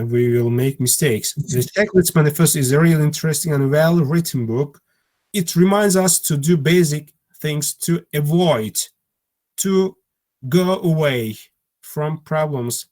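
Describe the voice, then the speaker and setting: A man with a Turkish accent teaching an online English lesson, speaking haltingly with fillers and repeating himself. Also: fairly high pitch, darkish tone.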